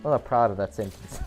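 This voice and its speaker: Rambling joking New man. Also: lowish voice. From New Zealand. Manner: rambling, joking, self-correcting. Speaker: game streamer. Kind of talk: casual live gameplay stream.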